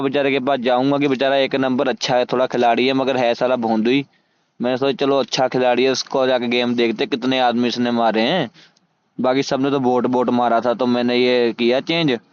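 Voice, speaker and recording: Brief: male gaming host, smooth voice, crude mocking match commentary, dull lo-fi dry recording. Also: medium pitch, darkish tone, dry recording. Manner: crude, mocking, swears freely. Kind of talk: casual gameplay commentary.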